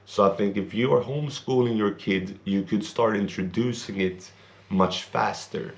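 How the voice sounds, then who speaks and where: A man's voice: on the low side, moderate pace. A young man, an English speaker born and raised in Sweden, giving an earnest, rambling opinion monologue for his vlog. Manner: earnest, rambling, non-native grammar. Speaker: vlogger.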